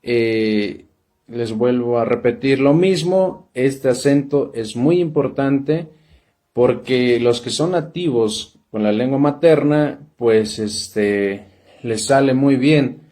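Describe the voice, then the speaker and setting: A man giving a casual spoken language lesson in Spanish with a Mexican accent. He talks slowly, often repeats syllables and checks in with his listeners. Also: mid-range voice, mellow. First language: Totonac. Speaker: language teacher.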